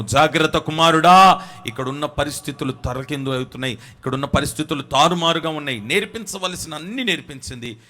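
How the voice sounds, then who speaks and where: A man's voice: medium pitch, bright, forceful tone. A male pastor giving a Bible study sermon, telling the story dramatically and urging the congregation to say it aloud.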